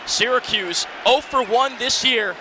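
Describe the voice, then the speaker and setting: Calling college football live on radio, a play-by-play announcer in his early twenties speaks in short, vivid, present-tense phrases. His voice is very high but his pace is measured. The recording picks up a stadium crowd and loud background noise.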